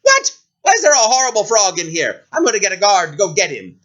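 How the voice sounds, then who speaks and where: A spoiled storybook princess, acted out by a man, imperious and shrill. The pitch is pushed high and swoops wildly as she exclaims, on a dull lo-fi recording. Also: big pitch swings, fast talker, fairly bright tone, exaggerated voice. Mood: indignant. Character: selfish, mean, bossy young princess.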